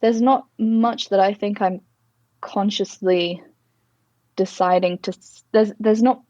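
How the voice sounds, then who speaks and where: A woman's voice: medium pitch, steady tone, slow pace, mellow, dry recording. Young woman from Durham, posh English accent with northern short A's, reflective and conversational, close dry sound, a little muffled. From Durham, northern England. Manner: chatty, reflective. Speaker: interview guest, Oxford student. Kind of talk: casual conversation.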